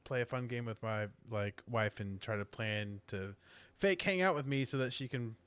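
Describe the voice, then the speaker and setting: A man's voice: mid-range voice, moderate pace, a bit bright, clear, resonant tone, no echo. A man co-hosting a podcast in casual chat, ribbing the others playfully with many fillers. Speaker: podcast co-host.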